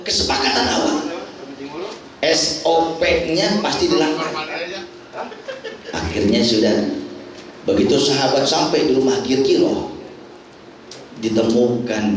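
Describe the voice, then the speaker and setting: A man preaching with a Jakarta Betawi accent, telling stories in an animated, joking way, recorded at a prayer hall in Jakarta. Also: a little high, a little hiss or hum. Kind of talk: humorous storytelling sermon. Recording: echoey prayer hall from far off.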